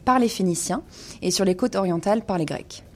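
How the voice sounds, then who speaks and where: Woman, wine columnist, hesitant with fillers, warm dark tone. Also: mid-range voice, quick pace, a little hiss or hum. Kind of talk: casual radio-style wine segment.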